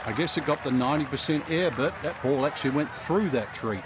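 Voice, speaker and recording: A man's voice: fairly high pitch, fast, natural voice. A man giving conversational, opinionated color commentary as a golf commentator. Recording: crowd and outdoor noise behind. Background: crowd, outdoor ambience.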